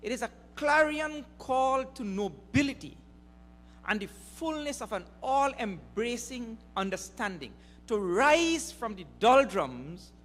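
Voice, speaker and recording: Slow emphatic man in a reverberant hall. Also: very high voice, fairly bright tone. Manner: slow, deliberate, emphatic, lingering on key words. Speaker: spiritual speaker at a mission gathering. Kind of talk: spiritual discourse. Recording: reverberant hall with faint hum.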